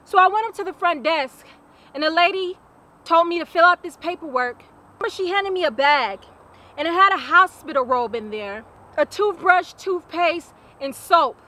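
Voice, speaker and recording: High, bright-voiced young woman telling her story. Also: moderate pace. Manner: earnest, plainspoken, repeats phrases for weight. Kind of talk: personal testimony narration.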